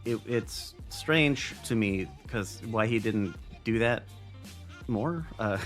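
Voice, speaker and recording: A man's voice: on the low side, expressive, takes it slowly, faint music behind. A man co-hosting a boxing podcast in loose, profane casual chat, laughing often. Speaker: podcast co-host.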